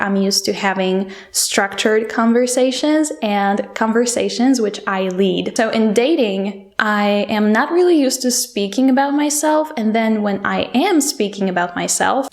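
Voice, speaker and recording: Chatty young Polish-accented woman. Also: mid-range voice. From Poland. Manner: chatty, candid. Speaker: language mentor and podcast host. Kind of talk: casual personal diary-style monologue.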